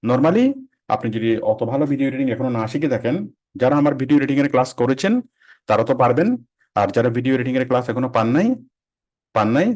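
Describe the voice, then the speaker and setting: A man teaching a casual online class, quick and conversational, repeating and restarting phrases. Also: medium pitch, darkish tone. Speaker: freelancing instructor.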